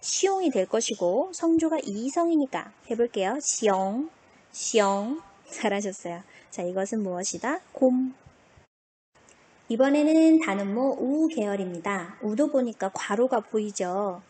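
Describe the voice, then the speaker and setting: A woman teacher giving an online language lesson. She asks questions and answers them herself in a lively classroom manner. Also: a little high, moderate pace, slightly rough.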